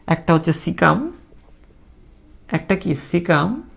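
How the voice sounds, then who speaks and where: A man's voice: a little high, sing-song, slow pace, gravelly, a bit bright, husky. A man teaching a biology lesson, repeating key terms and asking and answering his own questions. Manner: voices imagined student questions. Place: recorded for an online lecture.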